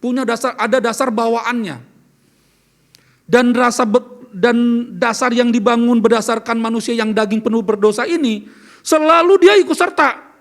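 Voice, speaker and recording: A man with a strikingly high voice and a gravelly edge delivers an earnest church sermon. He speaks as a pastor and keeps asking his listeners questions. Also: moderate pace. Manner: earnest, asks the congregation questions. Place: church service.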